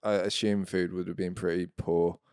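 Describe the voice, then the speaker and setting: A man's voice: low-pitched, little pitch movement, normal speed, darkish tone, clean tone, no room sound, studio quality. A man co-hosting a podcast in casual chat, thinking aloud hesitantly and trailing off. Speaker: podcast co-host.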